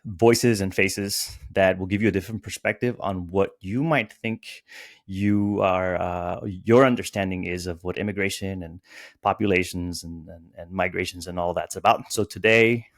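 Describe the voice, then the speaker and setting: Over a video call, a male podcast host narrates a dramatic scripted intro, then moves into a casual interview, chatting hesitantly with many fillers. His voice is deep and a little slow.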